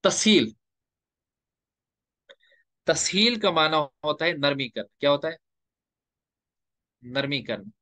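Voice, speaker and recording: A man teaching Quran recitation rules in a lecture, explaining step by step and slowing down to recite example verses. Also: on the high side, big pitch swings, bright, forceful tone, dry recording.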